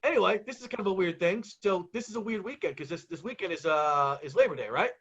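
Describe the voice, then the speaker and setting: A man's voice: high-pitched, animated, fast talker, fairly bright tone, breathy edge, muffled recording. A man doing a stand-up monologue of punchy jokes, told as conversational stories with acted-out exchanges in an exasperated, self-mocking way. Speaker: touring road comic.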